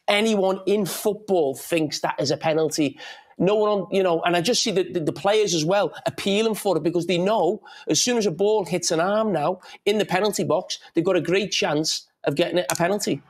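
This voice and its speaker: A man making insistent, emphatic points as a pundit on a studio football panel. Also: high-pitched.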